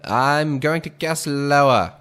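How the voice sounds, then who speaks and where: A man's voice: fairly high pitch, takes it slowly, fairly bright tone, smooth. A man playing a pompous 1940s radio announcer, speaking in a formal, wordy, theatrical old radio style. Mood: formal, musing.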